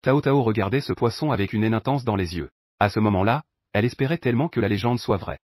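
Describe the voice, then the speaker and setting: A man reading a comic recap aloud as scripted first-person narration in an even storytelling manner. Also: fairly low pitch, fast talker, dry recording, clean studio sound.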